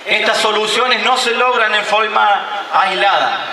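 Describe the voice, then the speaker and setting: An Argentine man in his thirties, a mayor, reads a prepared speech in a declamatory public manner from a lectern on an outdoor stage. His voice sits high and carries with a roomy echo, picked up from some distance. A clear wash of outdoor ambience runs underneath. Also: a little slow, bright, forceful tone, a little hiss or hum. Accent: Argentine Spanish. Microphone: stand mic at a lectern. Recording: echoey outdoor PA sound from far off.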